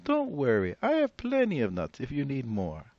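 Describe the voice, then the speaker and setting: A man's voice: mid-range voice, wildly swooping pitch, moderate pace, no room sound, pitched above the performer's own voice. Guy doing a sweet old granny, singsongy and fussy, kinda muffled. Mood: cheerful. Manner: bright, sing-song old-lady voice. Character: kindly old grandmother, cheerful and fussing.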